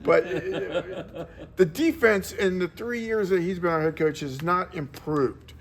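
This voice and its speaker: A man co-hosting a casual football chat, rambling with halting restarts as he gives his picks. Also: sits high, slight background noise. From Florida. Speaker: co-host.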